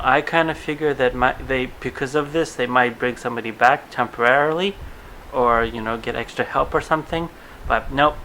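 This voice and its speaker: A man's voice: medium pitch, creaky, sharp tone, a little hiss or hum, poor audio. A man with a Russian accent recapping a TV episode in a chatty, rambling vlog full of asides. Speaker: vlogger reviewing a TV show.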